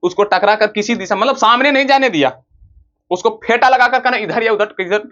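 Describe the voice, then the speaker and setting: A man's voice: high voice, brisk, fairly bright tone. A man teaching a physics lesson in a rustic, joking way, asking questions and answering them himself. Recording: dull lo-fi recording.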